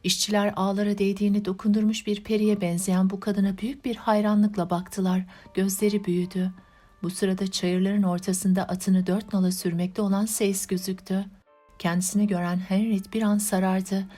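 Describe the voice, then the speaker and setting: Steady, even-toned woman narrating an audiobook. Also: mid-range voice, normal speed, soft background music. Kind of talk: audiobook narration of a classic novel.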